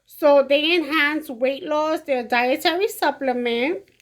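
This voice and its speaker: Young woman vlogger, high voice, unhurried chatty unboxing delivery. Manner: chatty, excited, addresses viewers directly. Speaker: beauty vlogger. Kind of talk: casual unboxing vlog.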